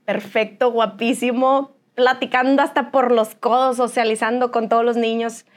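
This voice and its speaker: A woman with a Mexican accent, speaking as an interview guest and telling her personal story in an animated way. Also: a little high, moderate pace. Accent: Mexican Spanish. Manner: animated, acts out other people's lines. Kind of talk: candid conversational storytelling.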